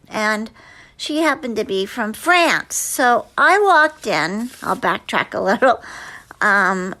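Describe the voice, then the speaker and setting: A woman in an interview answers slowly and at length, drifting through her memories with many fillers and restarts. Her voice sits at an ordinary middle pitch. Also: pushed and bright. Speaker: actress guest.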